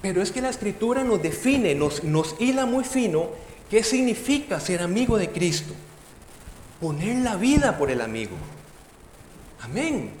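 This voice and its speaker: A man's voice: high voice, big pitch swings, measured pace, darkish tone. A man preaching a sermon, emphatic, calling his listeners brothers and sisters and posing rhetorical questions. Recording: echoey hall with faint background noise.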